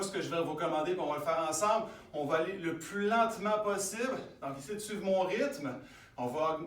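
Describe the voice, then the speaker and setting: A man with a Québécois accent leading a guided workout, counting reps aloud while exercising himself. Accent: Québécois French. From Quebec. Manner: counts reps aloud, louder and higher during sets. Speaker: fitness instructor. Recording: echoey room, voice from far off.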